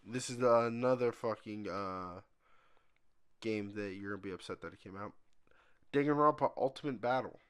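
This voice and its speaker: A man's voice: fairly low pitch, normal speed, smooth. A young man co-hosting an unscripted podcast, chatting casually and reading off release years in a laid-back way. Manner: laid-back, reads out lists of dates. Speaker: podcast co-host.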